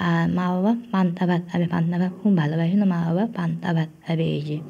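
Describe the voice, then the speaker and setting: A woman narrates her home cooking vlog in a hoarse voice left by a recent cough. She chats in a homely way, addressing viewers as friends and filling pauses as she goes. The voice-over sounds dull and lo-fi. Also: lowish voice, level tone, dark tone. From India. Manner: homely chatty talk to friends, frequent fillers. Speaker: cooking vlogger.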